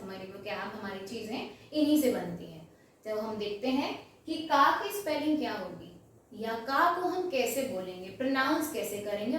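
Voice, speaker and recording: A woman's voice: on the high side, slight background noise. A woman teacher explaining a lesson step by step at a board, asking questions and answering them herself. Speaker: English teacher. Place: classroom with a board. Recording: very echoey room, voice from far off.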